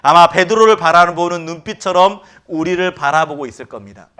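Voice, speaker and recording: A man's voice: a little high, brisk, clear, resonant tone. A man preaching a sermon as pastor in a church, often asking the congregation rhetorical questions. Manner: acts out quoted lines with sudden loud outbursts.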